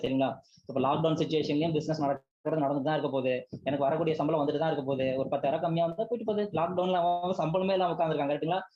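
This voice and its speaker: Rapid-fire scolding man. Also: fairly high pitch, a little mellow. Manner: rapid, scolding, full of rhetorical check-ins. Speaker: business team leader. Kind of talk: motivational sales pep talk. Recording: slightly dull lo-fi recording.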